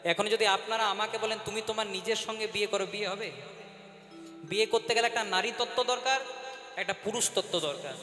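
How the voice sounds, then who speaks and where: A man's voice: high-pitched, fairly quick, bright, forceful tone. A man giving a devotional kirtan sermon, telling a story with rhetorical questions and chanted verses. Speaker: kirtan singer and preacher. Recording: reverberant hall with backing music.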